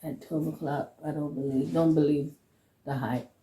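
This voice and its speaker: This woman in her forties has a low, dark voice and a Belizean Kriol accent. She chats in a casual, reflective way, restating her points for emphasis. Her voice rings a little in an echoey room. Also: steady tone, moderate pace. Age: 40s. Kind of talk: casual sisterly chat.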